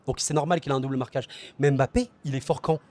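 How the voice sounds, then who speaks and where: A man's voice: medium pitch, steady tone, fast talker, a little mellow. A man hosting a solo football debrief, talking passionately and directly to his viewers, often repeating words and restarting phrases as he thinks aloud. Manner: passionate, talks straight to viewers as friends. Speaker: football channel host.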